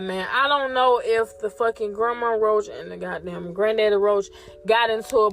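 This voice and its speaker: Brief: young woman podcaster, higher voice, animated and profane storyteller, faint music behind. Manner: profane, animated, talks straight to listeners. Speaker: podcast host. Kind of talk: casual storytelling.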